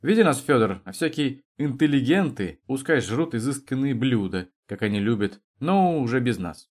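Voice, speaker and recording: A man's voice: medium pitch, expressive, normal speed, darkish tone, voice pushed up, close to an everyday voice. A man reading the lines of a blunt, mocking young male student with a coarse, plain-spoken way of talking.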